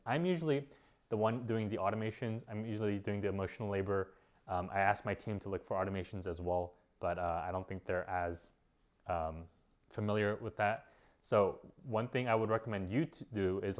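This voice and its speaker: A man giving casual vlog advice as a business owner, rambling with many fillers and restarts. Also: on the low side.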